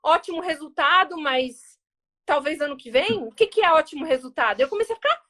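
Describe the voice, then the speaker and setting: A woman's voice: high-pitched, a little fast. A woman diplomat from Brazil, telling a story in an interview and acting out the quoted dialogue. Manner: animated, acts out quoted dialogue.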